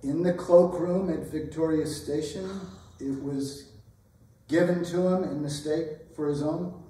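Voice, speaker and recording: Man acting an earnest, higher-voiced gentleman suitor, Mister Worthing. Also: fairly even intonation, unhurried, close to an everyday voice. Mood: sheepish explaining. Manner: polite, formal, apologetic. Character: polite, earnest, flustered gentleman suitor of good society. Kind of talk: theatrical readers' theatre performance of a period comedy. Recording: echoey hall, distant microphone.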